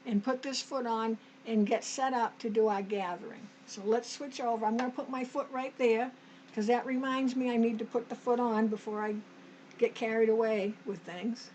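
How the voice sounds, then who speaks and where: Walking viewers through a sewing project one step at a time, this woman speaks in a fairly high, a little mellow voice with a steady tone and moderate pace. She's homey, says "us," often says okay or starts over, and clears a slightly dry throat. The audio is poor, with slight background noise.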